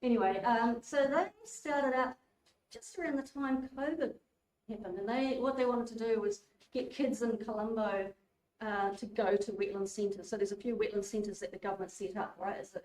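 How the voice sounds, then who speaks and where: A woman's voice: mid-range voice, steady tone, normal speed, darkish tone, recorded from a distance. Chatty New woman lecturing in a hall. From New Zealand. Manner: chatty, informal, lots of fillers and restarts. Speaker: guest speaker. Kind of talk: public lecture. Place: community hall. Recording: echoey hall, voice from afar.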